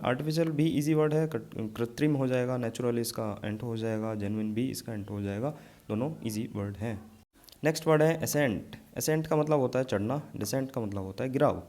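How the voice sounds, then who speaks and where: A man's voice: medium pitch, fairly quick, a little mellow. A man teaching an exam vocabulary lesson, explaining memory tricks and checking in often with his students.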